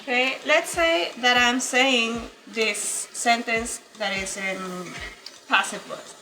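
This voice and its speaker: Over background music, a woman with a higher-pitched voice teaches an online English grammar lesson at a slow pace. She explains things patiently and checks in with students often, though her computer mic in the virtual session gives low-quality sound.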